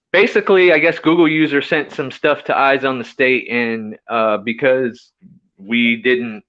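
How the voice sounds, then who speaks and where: A man's voice: mid-range voice, smooth, lo-fi sound. A man on a livestream panel explaining things hesitantly, with many uh fillers. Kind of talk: casual group chat.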